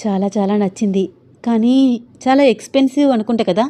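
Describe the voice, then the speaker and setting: A woman voicing a caring, playful young fiancée who gently scolds and teases in a storybook reading. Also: on the high side, a little fast, natural voice. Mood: affectionate.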